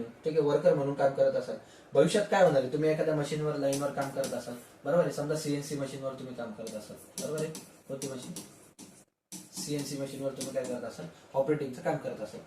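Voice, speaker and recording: A man's voice: fairly high pitch, a little mellow, a little hiss or hum. A man teaching an exam-prep lesson, asking questions and answering them himself. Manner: explains slowly with everyday examples. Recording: roomy, distant mic.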